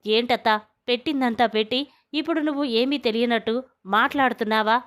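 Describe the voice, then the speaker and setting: A woman's voice: on the high side, fairly quick, fairly bright tone, clear, resonant tone, close to an everyday voice. A woman reading as a stern elder brother. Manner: firm, scolding. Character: stern young man, protective elder brother.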